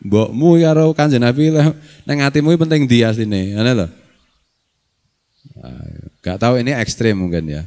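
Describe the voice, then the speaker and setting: A middle-aged Javanese-accented man leads a relaxed religious study session, his voice sitting fairly low. He teases his listeners and laughs easily, and he slips into Arabic recitation between plain remarks. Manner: jokey, laughs often, mixes local and Arabic phrases. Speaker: Islamic scholar teaching a study circle. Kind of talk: casual religious lecture.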